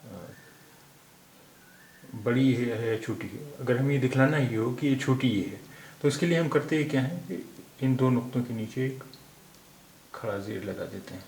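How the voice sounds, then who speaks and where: A man's voice: medium pitch, moderate pace, pauses often, a little mellow. A man teaching letters and words step by step, patiently explaining and saying each word three times over. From India. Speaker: language teacher. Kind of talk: slow word-by-word script lesson. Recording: echoey room with faint background noise.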